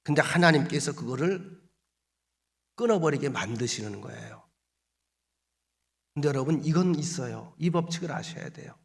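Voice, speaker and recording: A man's voice: on the high side, animated, moderate pace, pauses often. A male pastor preaching a Sunday sermon in a church. He presses his points with strings of rhetorical questions and emphatic repetition. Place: church sanctuary.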